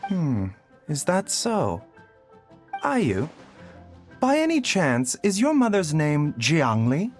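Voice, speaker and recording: A man voicing a gentle, composed doctor in a video game, speaking with polite, formal phrasing. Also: fairly high pitch, wildly swooping pitch, takes it slowly, pauses often, soft background music, full character voice. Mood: curious, composed.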